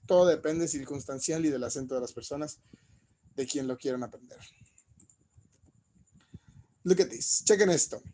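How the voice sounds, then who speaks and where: A man teaching an English lesson, saying each phrase in English and then in Spanish, and slowing down to model pronunciation. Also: on the high side, warm tone. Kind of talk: bilingual classroom lesson.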